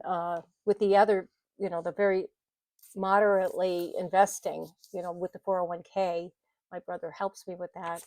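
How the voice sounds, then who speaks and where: A middle-aged woman vlogs casually to the camera in a lowish, slightly mellow voice, rambling, correcting herself and laughing softly now and then. Her mic sits on the desk and occasionally gets bumped, and there's no room sound.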